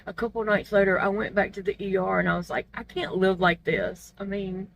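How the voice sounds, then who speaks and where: A woman with soft, toothless, gummy articulation, feeling unwell, chatting candidly and casually to her vlog viewers. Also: mid-range voice, little pitch movement, a little fast, gravelly, rough recording. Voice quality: toothless, gummy articulation from not wearing teeth. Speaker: vlog host. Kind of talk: casual personal vlog chat.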